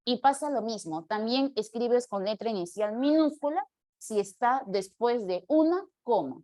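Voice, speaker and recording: A language teacher with a fairly high, dark, expressive voice teaches punctuation in a live online class. She explains patiently, slowing down to read example questions aloud and answering students by name.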